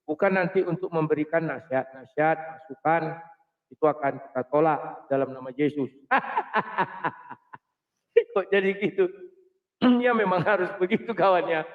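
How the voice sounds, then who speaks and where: A man hosting his own channel, talking casually to his listeners as friends and clearing his throat often. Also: a little high, expressive, a little slow. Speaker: channel host. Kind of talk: casual spoken monologue. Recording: tinny phone-like sound.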